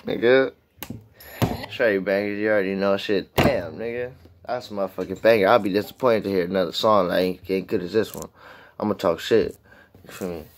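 A man's voice: low-pitched, a little fast, slight background noise. A man hosting a casual reaction video, cursing freely and hyping up the song he is listening to. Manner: profane, hyped, talks back to the song.

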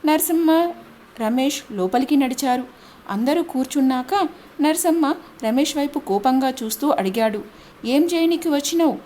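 A woman narrating an audiobook-style story with a steady, expressive reading. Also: high-pitched, normal speed, a little hiss or hum.

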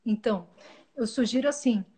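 A woman speaks as a guest in an earnest, reflective way. Her voice sits a little high, and she often breaks off and restarts words mid-phrase. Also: moderate pace, warm tone, slightly rough. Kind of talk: reflective spiritual talk.

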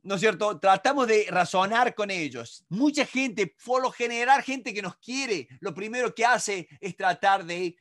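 Male negotiation instructor with a Rioplatense accent, raised pitch, direct and emphatic lecture delivery. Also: animated, a little slow, hardly any pauses, a bit bright. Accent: Rioplatense Spanish. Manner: emphatic and repetitive, addresses the audience directly; acts out others in quoted asides. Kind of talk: recorded masterclass lecture.

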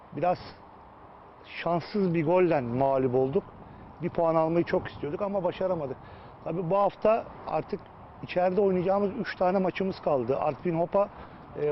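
A man speaking as a football coach in a pre-match interview, halting and pausing mid-sentence. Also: high voice, highs cut off, a little hiss or hum.

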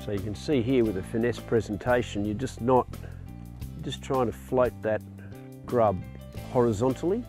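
A man talks through his fishing technique on a marina jetty, relaxed and explanatory. His voice is mellow and dark, mid-pitched. Faint music sits underneath. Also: normal speed. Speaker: angler demonstrating lures. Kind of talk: casual fishing demonstration. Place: outdoors on a marina jetty by the water.

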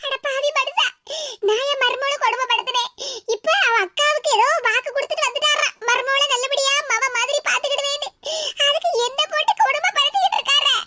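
A performer voicing a feisty, sharp-tongued older wife in a cartoon, with a squeaky, scolding manner and a southern Tamil Nadu accent. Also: brisk, no echo, clean studio sound. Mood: wailing complaint. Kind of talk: cartoon voice acting. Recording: loud background noise.

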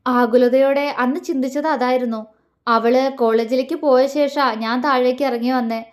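A woman narrating a romantic audio story in an emotive, measured reading. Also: high-pitched.

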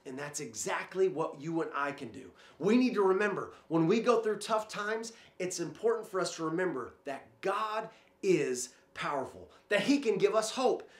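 A man's voice: high voice, expressive, normal speed, roomy sound. Earnest man telling a Bible story. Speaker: children's pastor. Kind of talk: Bible story and prayer for kids.

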